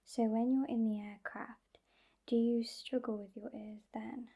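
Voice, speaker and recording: A woman whispering gently and breathily, close to the ear, in a reassuring whispered role-play as an ear clinician. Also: a little high, steady tone, measured pace. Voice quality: breathy, mostly unvoiced whisper. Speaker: ASMR performer playing a medical examiner. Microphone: close ear-to-ear ASMR microphone.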